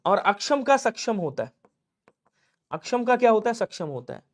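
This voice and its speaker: A man teaching an exam-prep Hindi grammar lesson, quickly drilling questions and answering them himself in his students' voices. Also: sits high, very animated. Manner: drills quickly, urging speed.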